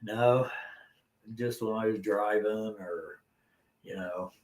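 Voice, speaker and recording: Laid-back Indiana man, slow low voice, folksy, echoey room. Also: steady tone, a little mellow. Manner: laid-back, agreeable, short replies, folksy grammar. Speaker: podcast co-host, former musician. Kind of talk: casual reminiscing chat.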